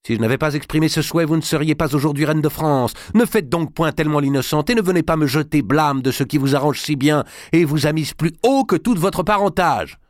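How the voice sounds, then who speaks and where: A man playing a hot-tempered young king, shouting high and strained in a storybook reading. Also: fairly quick, few pauses, no echo, clean studio sound, lightly acted. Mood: defiant.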